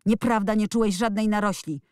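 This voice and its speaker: A woman voicing a fierce, bossy little girl who scolds in sharp shouts. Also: medium pitch, fairly even intonation, a little fast, clear, resonant tone, no room sound, studio quality, pitched above the performer's own voice, close to an everyday voice. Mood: scolding.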